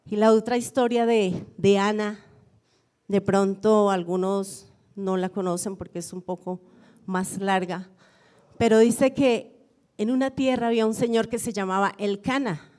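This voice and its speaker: A woman's voice: medium pitch, a little mellow. A woman pastor, preaching a sermon in a reflective storytelling way and often repeating phrases for emphasis. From Colombia.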